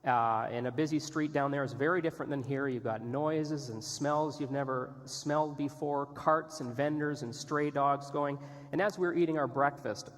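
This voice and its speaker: A man's voice: mid-range voice, moderate pace. A male missionary telling an earnest, candid story as a sermon testimony in a church. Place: church sanctuary. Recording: long reverb in a church hall.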